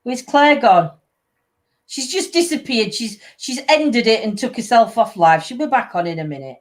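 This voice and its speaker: A woman's voice: on the high side, expressive, normal speed. A British woman hosting a live stream in a casual, chatty style. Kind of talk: casual chat.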